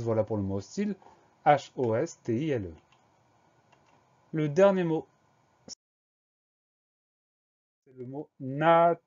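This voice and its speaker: A man teaching a dictation lesson, slowly and methodically spelling each word letter by letter. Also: medium pitch, mellow, lo-fi sound.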